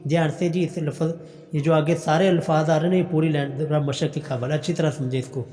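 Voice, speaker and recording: Man chanting slowly, teaching recitation. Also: on the high side, fairly even intonation, darkish tone, big-room sound. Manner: recites verses slowly in a drawn-out chant, then explains quickly; patient, repeats and corrects. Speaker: Quran teacher. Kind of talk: Quran recitation lesson.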